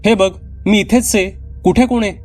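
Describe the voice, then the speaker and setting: A man doing a calm, puzzled young girl. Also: high-pitched, normal speed, far from the mic, faint music behind, voice pushed up. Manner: questioning, reassuring.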